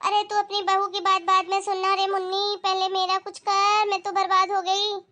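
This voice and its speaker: A gossiping cartoon aunt who stirs up trouble wails and complains at length, as a woman puts her on. Her bright, very high voice carries the drama. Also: monotone, moderate pace. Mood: pleading. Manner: wailing, dramatic. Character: meddling gossipy older aunt.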